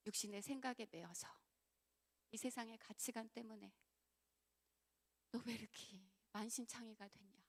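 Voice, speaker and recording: A woman preacher voicing Jesus as he rebukes his disciples in a low, hushed, grieved voice, sometimes whispering. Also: steady tone, normal speed, pauses often.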